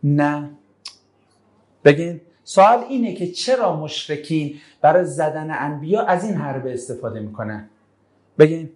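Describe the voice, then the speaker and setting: A male religious teacher giving a classroom Quran lesson. He recites verses slowly, glosses them in everyday speech and keeps calling on students, turning down their answers one after another. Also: on the high side. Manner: quizzes students again and again, brushing off answers; lively and animated when making a point.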